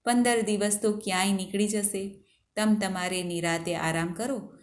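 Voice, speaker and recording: Woman doing a gentle devoted poor wife, comforting tone, storybook tale. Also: medium pitch, fairly even intonation, normal speed, close to an everyday voice.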